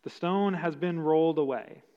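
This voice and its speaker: Male pastor, measured emphatic sermon delivery, muffled recording in a large reverberant room. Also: fairly high pitch, clear, resonant tone. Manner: slow, emphatic preaching with long pauses. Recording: dull sound with long hall reverb.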